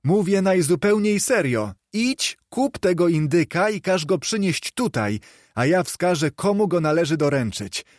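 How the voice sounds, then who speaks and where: A man's voice: sits high, measured pace, no echo, clean studio sound, pitched above the performer's own voice. Scrooge, a man voicing a giddy old man. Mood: eager. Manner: excited, exclaiming. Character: elderly former miser, giddy with joy.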